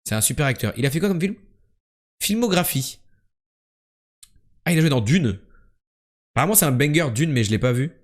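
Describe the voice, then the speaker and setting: A young man streaming quiz games live, chatting casually and joking, jumping between loud bursts and low mumbles. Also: lively intonation, brisk, long pauses.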